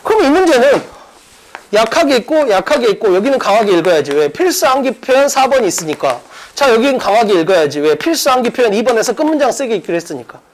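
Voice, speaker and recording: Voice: mid-range voice, sing-song, quick pace, low-quality recording. An English exam-prep teacher and academy director giving a mock exam explanation lecture, emphatic and casual with students, drilling points through repetition and rhetorical questions. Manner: casual informal speech to students.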